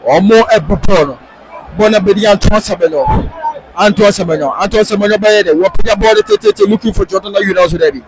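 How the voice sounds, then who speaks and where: A man with a Ghanaian accent giving live football commentary, excitable and sing-song, rising into shouts on attacks. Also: high-pitched, quick pace, some chatter behind, poor audio. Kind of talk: live match commentary mixing English and Twi.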